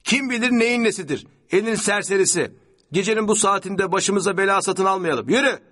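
A man's voice: mid-range voice, lively intonation, rapid-fire, slightly rough, big-room sound, pitched above the performer's own voice. A man putting on a callous, dismissive older man in a car in an audiobook, his talk scornful and grumbling.

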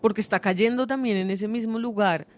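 A woman's voice: mid-range voice, brisk, darkish tone. A woman hosting a conversational radio interview, explaining her thoughts at length with many hesitations. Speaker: host.

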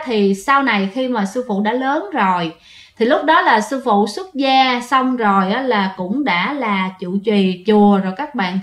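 A woman tells a ghost story in a loose, chatty way, often turning to address her listeners. Her voice sits fairly high. The recording carries a noticeable roomy echo. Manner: chatty, addresses listeners directly, many fillers. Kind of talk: casual spoken storytelling.

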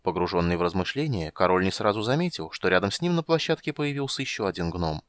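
A man narrating a fantasy audiobook in a steady, measured storytelling manner. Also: sits low, dry recording, studio quality.

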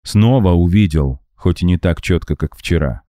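A man's voice: sits low, moderate pace, dark tone, dry recording, studio quality, natural voice. A man voicing a serious young male medium in an audiobook. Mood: intent. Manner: intent, serious.

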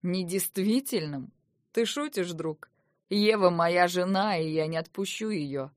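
A woman voicing a cold, arrogant male immortal who speaks quietly, slowly and with menace, recorded dry. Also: on the low side, no echo, lightly acted. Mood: cold mocking. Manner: quiet, slow, icy.

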